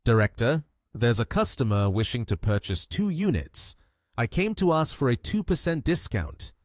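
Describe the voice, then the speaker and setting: A man's voice: mid-range voice, big pitch swings, moderate pace, dry recording, studio quality, lightly acted. A man voicing a young female staff member who asks plain, questioning things of her boss.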